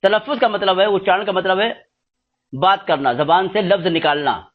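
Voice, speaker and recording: High-pitched man teaching, dull lo-fi sound. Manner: slow, explanatory, spells out letters one by one. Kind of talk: spoken lesson on script and pronunciation.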